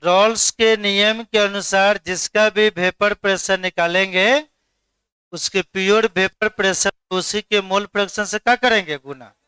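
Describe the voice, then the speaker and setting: Loud high-voiced chemistry teacher. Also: male voice, fairly even intonation, measured pace, smooth, dry recording. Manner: loud, questioning the class, mixing English terms. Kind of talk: classroom lecture.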